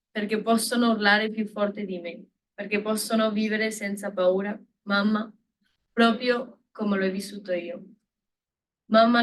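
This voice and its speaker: A woman's voice: mid-range voice, low-quality recording. Woman reading a poem with stumbles. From Italy. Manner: earnest reading with stumbles and restarts. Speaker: student. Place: lecture room.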